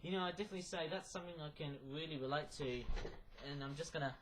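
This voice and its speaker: A man with a moderately high voice talks casually to his viewers. He wanders through his thoughts, stalling and repeating phrases along the way. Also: rapid-fire, background noise. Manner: rambling, hesitant, repeats himself. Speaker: YouTube vlogger. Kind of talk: casual rambling vlog to camera.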